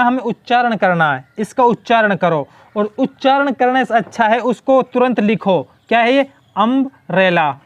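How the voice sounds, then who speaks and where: A man's voice: extremely high pitch, no echo. A male teacher explaining English grammar in Hindi, asking a question and then answering it himself, repeating the key word.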